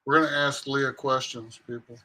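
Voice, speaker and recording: A man's voice: mid-range voice, flat delivery, normal speed, bright, forceful tone. A man hosting a casual livestream, easygoing as he explains the plans for the show. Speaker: host.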